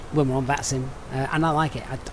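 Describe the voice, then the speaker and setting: Over a little hiss or hum, a chatty Sheffield man with a creaky, mid-range voice briefs a flight on his flight sim stream. Speaking Sheffield English, he works methodically and reads out viewer comments in this live-stream chat.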